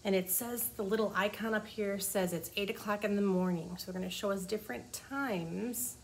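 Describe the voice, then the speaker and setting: A woman in her forties reads a children's nonfiction book aloud in a small office, explaining things simply to young listeners the way a teacher would. Her pitch is medium, her intonation fairly even, and her pace moderate. Noisy room ambience is clearly audible.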